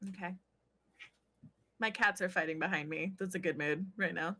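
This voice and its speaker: A woman's voice: fairly low pitch, normal speed, pushed and bright. A woman player in a tabletop game, talking casually about rules and her character's actions.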